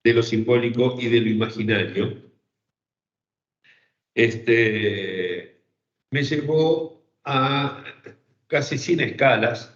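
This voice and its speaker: A man teaching an online psychoanalysis seminar, talking thoughtfully with many fillers and checks to his listeners. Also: fairly low pitch. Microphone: video call. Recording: roomy, dull online call audio.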